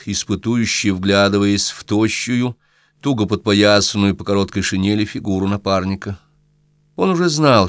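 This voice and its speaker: Reading scripted literary prose as a narrator, a fairly low-voiced man tells a story for an audiobook. There's no room sound, and the recording is dry.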